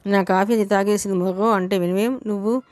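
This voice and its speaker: A woman voicing a loud, quarrelsome young woman who shouts fast complaints in an audiobook. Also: medium pitch, steady tone, no echo, close to an everyday voice. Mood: angry.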